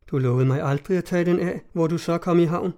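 A man reading aloud puts on a fragile young woman, lost in confusion, who clings and pleads in a soft, trembling, raised voice. Her words come hushed and anxious, the tone mellow and dark underneath. It plays like a storybook heroine caught in grief. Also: on the high side, steady tone, close to an everyday voice. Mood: anxious pleading. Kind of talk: audiobook reading.

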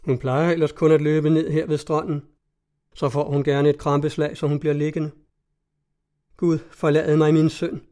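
Narrator doing gruff blunt old village elder, brusque, storybook, mellow sound. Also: male voice, on the high side, level tone, natural voice. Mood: dejected. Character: gruff older coastal guild elder, stubborn.

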